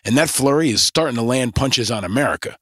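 A man's voice: mid-range voice, expressive, quick pace, background noise. A man hosting a podcast, delivering a scripted monologue in punchy, rallying lists. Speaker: podcast host.

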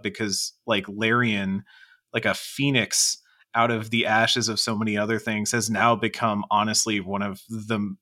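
A man with a bright, forward voice that sits a little low in pitch, co-hosting a casual panel podcast. He talks in chatty, quick bursts and trades remarks with the others at the table. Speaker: podcast co-host.

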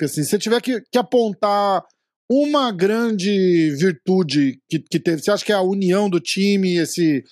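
A podcast host from Brazil with a high voice for a man. He asks long, halting questions, starting over and stumbling as he goes. The sound is dry and close to the mic. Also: darkish tone, no echo. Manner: hesitant, many restarts and fillers. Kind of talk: casual interview chat.

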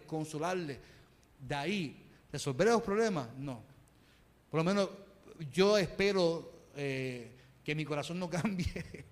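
Brief: male pastor in his thirties, conversational sermon in a church hall. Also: fairly high pitch. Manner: earnest, conversational preaching with rhetorical questions. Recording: reverberant hall.

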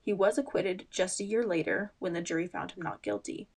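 A woman's voice: on the low side, fairly quick, vocal fry, darkish tone, husky. Young woman, podcast host, chatty, rambling, casual, frequent ums. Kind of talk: casual true-crime chat.

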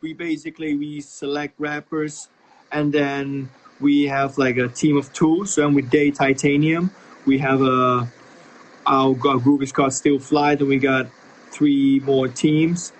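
A man's voice: on the high side, level tone, measured pace, slight background noise, low-quality recording. A man from Thailand, a rapper guest, talking in a laid-back, slangy, rambling way over a video call while tired from being up at night. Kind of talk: casual interview chat.

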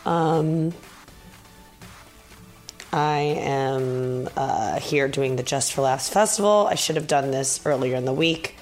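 A tired woman with vocal fry, hosting a podcast in a casual, candid, self-deprecating and rambling solo monologue. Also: a bass voice, slow pace, a little mellow, soft background music. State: tired from travel and talking. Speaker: podcast host. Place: bedroom in a condo, sitting in bed.

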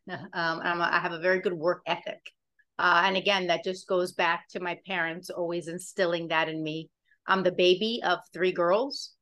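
A woman's voice: on the low side, pushed and bright. A woman from Pennsylvania, a journalist speaking as a podcast guest, confident and upbeat as she talks about herself. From Pennsylvania, USA. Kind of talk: casual podcast interview.

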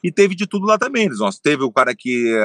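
A man telling a long story in casual chat, animated and swearing, acting out what others said. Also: on the high side, quick pace, dry recording, clean studio sound. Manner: animated, swearing, acts out quotes. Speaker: storyteller guest.

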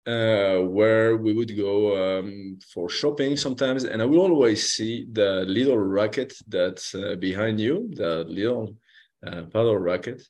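A man's voice: fairly low pitch, unhurried, darkish tone. A man from the French Basque Country with a French Basque accent, answering casually as a podcast guest and hesitantly searching for his words.

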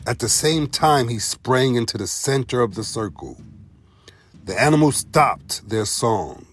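A man narrating a folk tale, telling it in an expressive storybook style. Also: medium pitch, a little slow, a little hiss or hum.

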